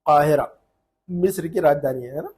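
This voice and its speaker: A man's voice: on the high side, normal speed, darkish tone, breathy edge. A man teaching an informal online Arabic lesson, patiently explaining and repeating points and often checking with "है ना?".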